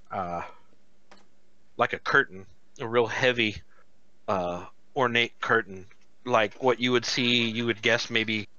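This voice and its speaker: Over an online call, a man acting as game master narrates unhurriedly, describing every detail at length with many fillers. His lowish voice is bright and clear, though the audio is dull and lo-fi, with no room sound or echo.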